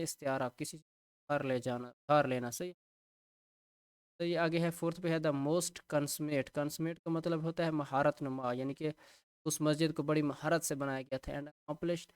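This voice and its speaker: A man's voice: on the high side, smooth, dry recording. Male teacher with a Pakistani accent, walking through a lesson with a clean, resonant voice, dry close recording. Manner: mixes English with Urdu explanation, spells out words. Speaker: English teacher. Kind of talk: explaining a textbook exercise.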